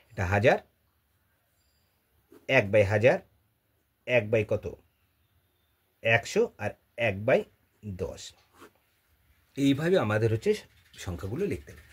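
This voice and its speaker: A man's voice: mid-range voice, husky. A male math teacher explaining a lesson at a board, asking questions and answering them himself, with a Bengali accent. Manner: asks and answers his own questions; repeats phrases while writing.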